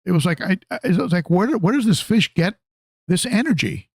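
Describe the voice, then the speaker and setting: A slightly high, somewhat rough male voice belongs to an aquarium hobbyist hosting a laid-back livestream. He chats casually with viewers, answering their comments haltingly and circling back over his words. The recording is very dry, without any room echo.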